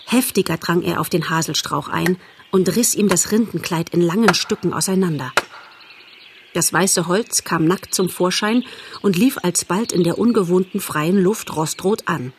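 A woman reading an audiobook aloud as narrator in a calm, measured storytelling manner. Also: on the low side, background noise.

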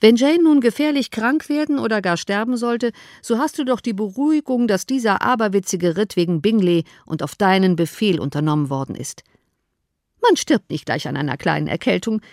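A woman's voice: mid-range voice, brisk, a little mellow, no echo, close to an everyday voice. A woman reading an audiobook, voicing a dry, sardonic middle-aged father. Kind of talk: audiobook character voice.

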